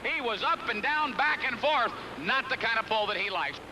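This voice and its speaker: A man's voice: very high-pitched, expressive, moderate pace, bright, forceful tone. A man working as a trackside reporter, interviewing competitors and commenting on their runs. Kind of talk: post-run sports interview and commentary. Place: outdoors at a pulling track. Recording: noisy outdoor motorsport track.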